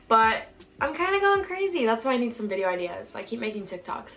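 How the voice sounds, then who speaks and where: A woman's voice: on the high side, moderate pace, fairly bright tone, lo-fi sound. Chatty, giggly woman eating on camera. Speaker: mukbang host. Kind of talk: casual eating chat.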